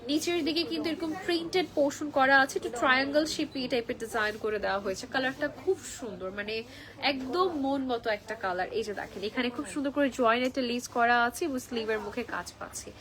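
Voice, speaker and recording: A young woman selling clothes live, her coming through as she talks in a quick, high voice. She sounds a little unwell, yet stays chatty and drops in English phrases. The clear chatter of a busy shop crowd runs behind her. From Bangladesh. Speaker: live-stream clothing seller. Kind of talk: live shopping sales pitch.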